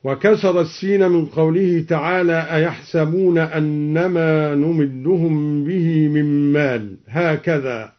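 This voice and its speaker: A man explaining variant Quran readings and then demonstrating each one in drawn-out, melodic recitation, from an archive radio recording. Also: a little high, muffled recording.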